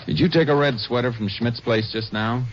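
A man with a medium-pitched, near-everyday voice speaks at a moderate pace, acting as a seasoned Texas Ranger who is fatherly yet firm, plain-spoken like a 1950s radio western. He sounds stern, folksy and questioning, on a muffled, noisy 1950s radio recording.

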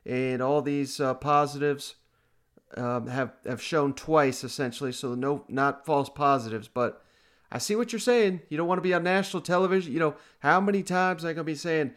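A man's voice: a little high, moderate pace, a bit bright. A man hosting a podcast, talking sports in a casual, conversational way. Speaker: podcast host.

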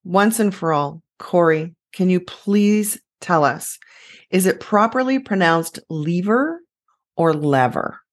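A woman's voice: on the low side, measured pace. A woman co-hosting an interview podcast, asking a guest playful questions. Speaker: podcast co-host.

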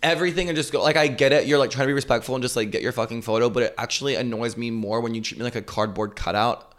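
A man co-hosting a podcast in casual chat, telling stories in a profane, animated way full of "like". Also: mid-range voice, rapid-fire. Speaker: podcast co-host.

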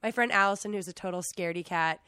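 Hoarse young American woman chatting. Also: lowish voice, fast, no echo. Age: around thirty. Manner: animated storytelling with many fillers of "like". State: sick, hoarse, losing her voice. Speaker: podcast host. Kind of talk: casual chat, telling a travel anecdote.

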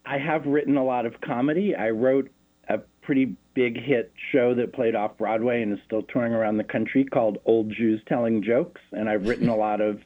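A man's voice: medium pitch, fairly even intonation, a little fast. Man talking down a tinny phone line. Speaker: guest author. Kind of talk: phone interview. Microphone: telephone.

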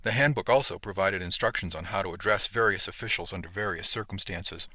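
Low, bright-toned male narrator. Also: a little fast, no room sound. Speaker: audiobook narrator. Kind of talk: first-person audiobook narration.

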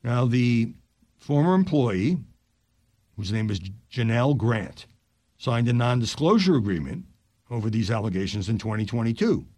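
An older man reads news stories on his podcast, his pitch rising and falling with lively emphasis. He drops his voice low for quick asides. The recording is close and dry, with no room sound. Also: no room sound.

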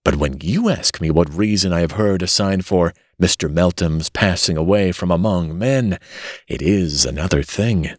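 A man putting on a smooth, falsely sympathetic villain. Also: deep voice, normal speed, no room sound, clean studio sound. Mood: confiding. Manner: soft, consoling, slyly sneering. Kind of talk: audiobook reading.

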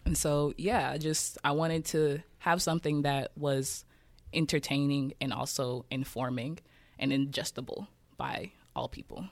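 His voice is a little high with fairly even intonation, unhurried and with few pauses, recorded without echo. He's a Kansas City man in his early twenties, an interviewed poet and musician with an American accent who speaks informally, candidly and with plenty of swearing.

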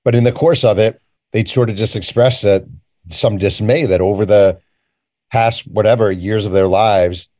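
This guest, a man who works as a journalist and author, speaks at a moderate pace in a darkish voice on the low side. His storytelling is informal and loose, peppered with recalled conversation that he plainly plays out.

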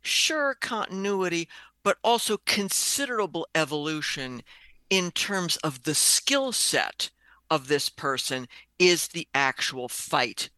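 A woman, a professor of English literature, analyzing a book with animated enthusiasm, slowing down to stress her points. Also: low voice, no echo. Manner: animated, admiring, slows for emphasis.

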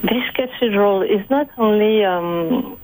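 A shaken woman in her forties with a French accent, a native French speaker giving an eyewitness interview and haltingly searching for English words. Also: mid-range voice, darkish tone, poor audio. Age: 40s. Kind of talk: live radio interview.

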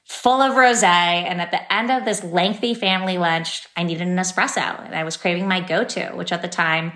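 This founder, a woman in her thirties from San Francisco, talks through her story as a podcast guest, upbeat and chatty with many fillers. Her fairly low voice has fairly even intonation, a moderate pace and a fairly bright tone, with echo from the room.

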